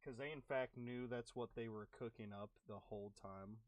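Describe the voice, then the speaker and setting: A young man chatting casually while playing a game, reacting with quick exclamations and clearing his throat as he loses his voice. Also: medium pitch, steady tone, dry recording. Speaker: gaming streamer. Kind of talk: casual gameplay commentary.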